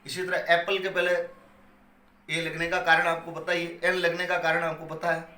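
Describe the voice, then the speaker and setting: A man's voice: fairly high pitch, monotone, moderate pace, pushed and bright. Echoey Hindi-speaking male grammar teacher. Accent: Hindi-accented English. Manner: explains patiently, repeating key points and asking questions he then answers. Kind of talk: classroom lecture. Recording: echoey room with faint ambient noise.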